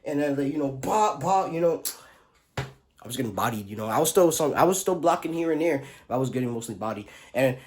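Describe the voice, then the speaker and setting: A man's voice: medium pitch, expressive, a little fast. Rambling young guy on a phone. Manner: rambling, many fillers and restarts, swearing. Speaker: vlogger telling a school story. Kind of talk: casual storytelling to phone.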